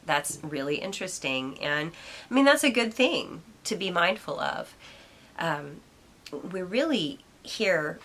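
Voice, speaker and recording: A low-pitched woman with a gravelly, creaky edge and a bright, sharp tone. She muses aloud in a casual solo podcast, rambling and reflective. She pauses with frequent ums and turns aside now and then to talk to her cat. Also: slight background noise. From United States. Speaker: podcast host.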